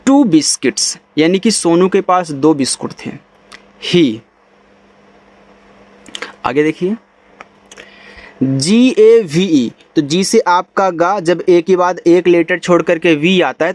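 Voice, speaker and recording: This man speaks at a fairly high pitch, with no room sound in the recording. With an Indian accent, he gives a reading lesson in Hindi, teaching English by spelling out each word letter by letter and then sounding it out.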